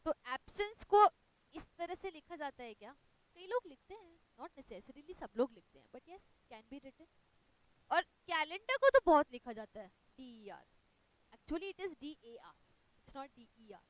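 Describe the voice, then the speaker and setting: A woman's voice: high voice, very animated, a little slow, poor audio. A woman with an Indian accent teaching an online exam-prep lecture, explaining patiently in mixed Hindi and English and checking in with "right?".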